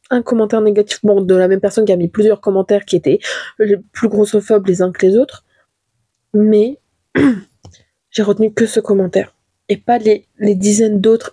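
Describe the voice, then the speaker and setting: Mellow, husky young woman chatting casually. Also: medium pitch, no room sound. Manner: chatty and rambling, many fillers and restarts. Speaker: podcast host. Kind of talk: casual confessional podcast talk.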